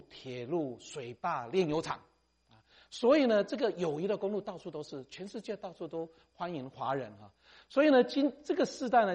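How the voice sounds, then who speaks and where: A middle-aged missionary preacher, his voice pitched a little high for a man. His delivery is highly animated and swings up and down as he talks. He keeps it conversational, sprinkling in English words and ending phrases with a friendly "ha". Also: slightly rough. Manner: animated, tags sentences with "ha", mixes in English phrases. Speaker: missionary speaker. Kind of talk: sermon.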